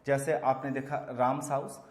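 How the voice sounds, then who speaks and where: Echoey Indian teacher explaining grammar. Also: male voice, mid-range voice, level tone, moderate pace. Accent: Indian English. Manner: addresses students as children, repeats terms for emphasis. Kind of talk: classroom lecture.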